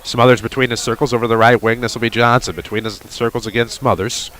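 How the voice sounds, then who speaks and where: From a gymnasium with faint background noise, a male announcer handles radio play-by-play of a high school basketball game. His tone is steady and a bit bright, his delivery quick, with wry asides.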